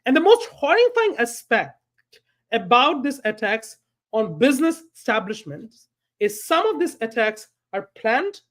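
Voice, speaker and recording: Animated man making a case. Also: extremely high pitch, a little slow. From Bangladesh. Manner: persuasive, addresses listener with rhetorical questions. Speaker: panel guest. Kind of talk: prepared commentary.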